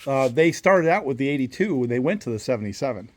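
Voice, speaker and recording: A man with a mid-pitched voice talks off the cuff. He banters casually with a fellow hobbyist, in the plain conversational style of a co-host. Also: lively intonation, quick pace.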